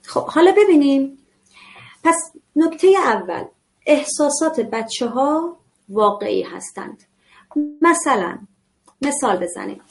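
A woman's voice: high-pitched, very animated, gravelly, pauses often. A woman giving a live online parenting class in a conversational manner, often putting rhetorical questions to her listeners. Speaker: parenting instructor.

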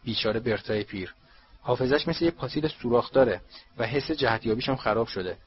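A man voicing a jolly, excitable middle-aged male sports official in an audiobook reading. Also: breathy edge, highs cut off, lightly acted. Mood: cheerful. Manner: eager, booming, bouncy.

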